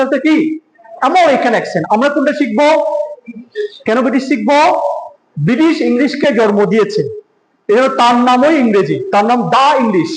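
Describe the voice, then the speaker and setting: A man with a very high voice teaches an English pronunciation lesson, his first language Bengali. He quizzes the class again and again and repeats each point to drill it. His voice rings around an echoey room. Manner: keeps asking the class questions.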